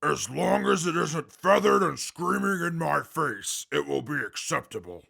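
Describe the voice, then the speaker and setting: A man voices a big green mutant brute who can't be hurt, pompous, short-tempered and hungry, for a post-apocalyptic audio drama. His pitch sits on the high side, and he is animated, unhurried and heavily acted, gruff and grumbling in a gravelly, forceful voice. His speech is formal, blustering and indignant.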